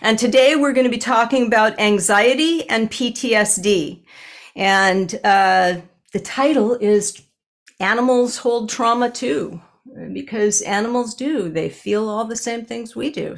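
A creaky voice on the high side, at a measured pace, belongs to a woman in her sixties who communicates with animals and hosts a podcast. She chats casually and earnestly, hands moving, over a webcam video call. Behind her is a home room with bookshelves.

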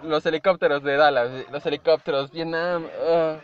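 A young Mexican man with a somewhat high, fairly even voice reacts to videos at a moderate pace, chatting casually and playfully. He hums and mimics tunes along the way, and the lo-fi audio sounds dull, with faint music underneath.

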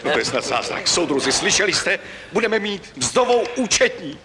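An actor in a 1970s film comedy playing a gruff, quick-tempered factory boss. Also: male voice, sits high, big pitch swings, crowd noise.

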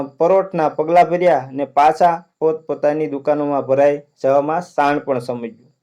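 A man reads a story aloud, his voice sitting a little higher than most men's yet soft and mellow in tone. He tells it earnestly and dramatically. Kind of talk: read-aloud story narration.

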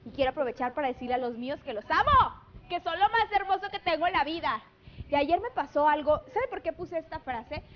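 A high-voiced Mexican woman hosts a live TV show from the studio. She chats warmly with viewers and reads their greetings aloud, full of pet names. Her sound is a little dull, with faint hiss. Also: expressive, fairly quick. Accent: Mexican Spanish. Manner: chatty, affectionate, gushing with pet names. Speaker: TV show host. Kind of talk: live TV chat, reading viewer messages. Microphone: handheld microphone.

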